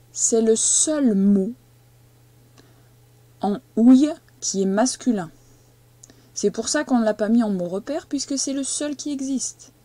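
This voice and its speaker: A woman teaching a young child to read, speaking slowly and patiently and stressing each syllable as she dictates. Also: a little high, dark tone, no room sound. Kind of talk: reading and spelling lesson for a young child.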